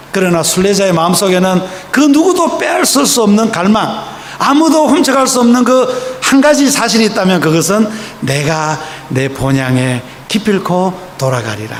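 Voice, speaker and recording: A high-pitched man preaches with fervor in a church sanctuary, his voice carried by a long, echoing reverb. Faint room ambience hums underneath as he tells stories, easing into softer, slower tones for quoted lines. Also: a little hiss or hum. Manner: impassioned storytelling, slows and softens for quoted voices. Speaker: pastor. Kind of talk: sermon.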